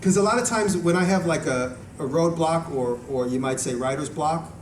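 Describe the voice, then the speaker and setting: At a moderate pace and fairly high pitch, a man addresses a live audience informally about making videos and answers their questions. His speech is chatty, meandering and self-interrupting, captured by a distant mic in an echoey room with noise behind him.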